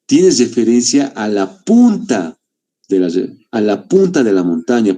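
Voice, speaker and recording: Speaking at a medium pitch with a mellow quality, a man from Bolivia walks exam applicants through literature step by step. Rhetorical questions and frequent tag questions fill his deliberate explanation, and he slowly stretches the key words.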